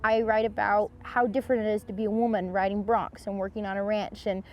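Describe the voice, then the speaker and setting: A woman's voice: mid-range voice, little pitch movement, fairly quick, lo-fi sound. A young woman in her late teens, a cowboy musician, talking earnestly in an interview. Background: music under the voice.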